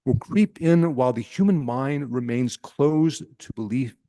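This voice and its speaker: A man's voice: medium pitch, unhurried, dark tone, no room sound, clean studio sound, pitched above the performer's own voice, natural voice. A man with a Nebraskan accent reading aloud as a scheming senior male demon advising an apprentice, in his own plain voice. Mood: scheming, instructive.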